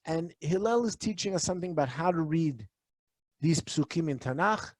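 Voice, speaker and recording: A man's voice: fairly high pitch, lively intonation, moderate pace, a little mellow, no room sound. A man teaching a lesson on the weekly Torah portion. He asks a string of rhetorical questions and reads Hebrew verses aloud.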